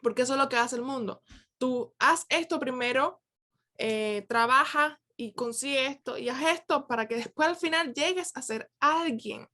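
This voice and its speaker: A woman leading a youth Bible class on a video call, talking in a relaxed way with many pauses and restarts. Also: high voice. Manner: conversational, with many fillers and restarts. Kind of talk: casual reflective teaching.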